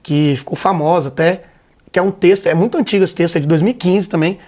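A man's voice: sits high, fast, a little mellow. A man from Vitória, Brazil, a stand-up comedian chatting casually as a podcast guest, laid-back and full of slang and swearing.

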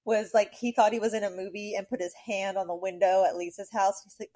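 Mid-pitched woman on a podcast, blunt, swears a lot, mocking. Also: fairly even intonation, fairly quick, dark tone, dry recording. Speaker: podcast co-host. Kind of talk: casual chat about a reality show.

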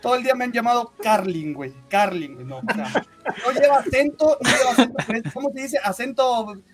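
Mexican man, very high and bouncy voice, teasing, swearing, music loud behind him. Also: lively intonation, quick pace. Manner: teasing, swears freely, joking. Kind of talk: casual banter on a livestream.

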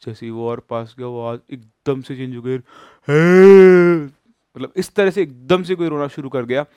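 A man from Rajasthan telling a ghost story in a dramatic, animated way, speaking straight to the listeners. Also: medium pitch, normal speed, dry recording, muffled recording. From Rajasthan, India. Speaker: storyteller host. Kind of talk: spooky storytelling.

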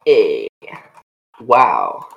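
Lively young man from Wisconsin. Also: sits low, very slow, vocal fry, highs cut off. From Wisconsin, USA. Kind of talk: casual chat among friends.

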